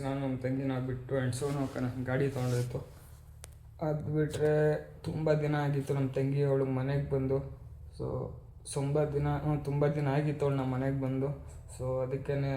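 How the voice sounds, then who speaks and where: A man talking casually to his viewers in a personal vlog, quiet and reflective. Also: medium pitch, completely flat delivery, moderate pace, echoey room, a little hiss or hum. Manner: loud and playful with family, then quiet and reflective. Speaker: vlogger. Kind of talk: casual vlog talk to camera.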